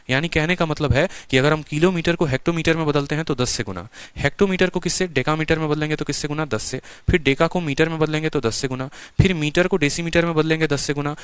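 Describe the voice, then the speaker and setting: A man's voice: a little high, smooth, no echo. A man teaching an exam-prep maths lecture at a board. He repeats each step and keeps quizzing his students.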